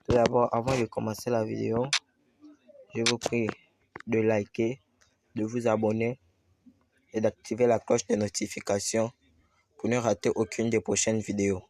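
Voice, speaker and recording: A man walking viewers through a video game menu step by step, slowly and with lots of repetition. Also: fairly low pitch, level tone. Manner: slow step-by-step explaining, repeats himself. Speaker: gaming tutorial host. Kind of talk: screen-recorded game tutorial. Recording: loud background noise.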